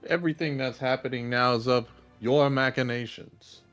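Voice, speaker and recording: A man's voice: medium pitch, steady tone, normal speed, fairly bright tone, lo-fi sound, close to an everyday voice. A man playing a grave, defiant hero in a tabletop game, speaking in a solemn, declamatory way. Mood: solemn, accusing. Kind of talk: in-character tabletop role-play speech. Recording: music behind the voice.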